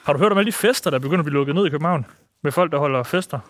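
Young male co-host, slightly high voice, offhand and jokey, casual outdoor chat. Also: a little hiss or hum. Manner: joking, offhand, swears often. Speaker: podcast co-host. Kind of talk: casual chat on a farm visit. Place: outdoors at a farm.

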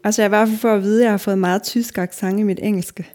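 A woman's voice: medium pitch, steady tone, darkish tone. A middle-aged woman from Denmark, a guest author in a casual podcast conversation, talking reflectively in long winding sentences full of fillers.

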